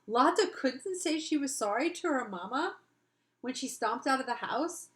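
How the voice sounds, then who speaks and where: A woman's voice: high voice, animated, moderate pace, a bit bright, low-quality recording. A woman teacher reading a children's book aloud, breaking off to explain things to her listeners in a chatty way.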